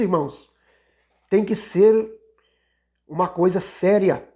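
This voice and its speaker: A man's voice: high voice, gravelly. A middle-aged man teaching a Bible lesson in a conversational way, with frequent restarts and hesitations. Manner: conversational, many restarts, mimics shouting worshippers. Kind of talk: Sunday school lesson.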